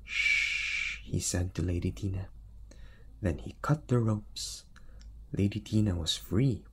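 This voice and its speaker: A man reading a picture book aloud in a relaxed way, pointing out the pictures and adding asides. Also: low-pitched, a little slow, background noise. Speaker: storyteller.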